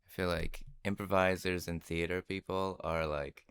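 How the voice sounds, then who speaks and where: A man from the Pacific Northwest with a gravelly voice, chatting casually as a comedian guest on a podcast, self-deprecating and swearing now and then. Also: low-pitched, fairly even intonation, normal speed, fairly bright tone. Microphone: podcast mic.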